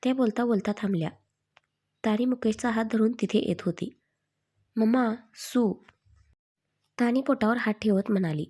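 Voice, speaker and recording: A woman narrating a family story as a storyteller, in a steady, even reading voice. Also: a little high, brisk, breathy edge.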